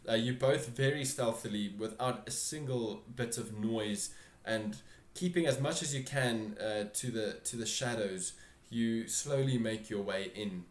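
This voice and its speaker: Slow, halting male game master, echoing room. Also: lowish voice. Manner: halting, searching for words, repeats phrases. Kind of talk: improvised tabletop game narration. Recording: roomy, echoing home recording.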